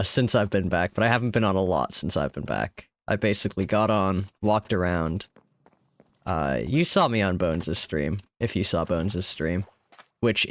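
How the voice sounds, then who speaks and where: A man with a lowish voice, recorded with no echo through a desk microphone, rambles casually on his live stream while gaming. Small laughs slip in, and he sounds sick, slightly hoarse and tired.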